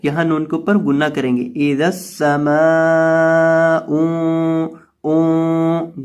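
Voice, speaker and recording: Man, Pakistani Urdu accent, slightly high voice, patient tajweed teacher, slow drawn-out syllables, repetitive explaining. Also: darkish tone. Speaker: Quran reading teacher. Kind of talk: slow tajweed lesson, spelling out letters and drawing out syllables.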